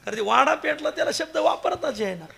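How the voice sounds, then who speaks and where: A man preaching a devotional kirtan sermon, his high voice bright and gravelly. He tells stories with animated swings between loud exclamations and quiet asides. Faint music plays behind him. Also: quick pace.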